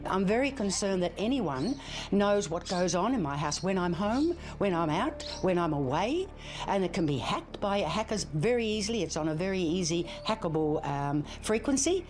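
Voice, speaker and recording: A woman's voice: on the low side, very animated, moderate pace, darkish tone. A woman speaking emphatically and with concern as a residents' campaigner in an interview. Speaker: residents' group founder being interviewed. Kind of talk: unscripted interview. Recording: music under the voice.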